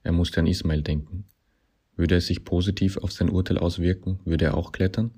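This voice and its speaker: Deep husky narrator. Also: male voice, steady tone, fairly quick, mellow. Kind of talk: satirical story reading.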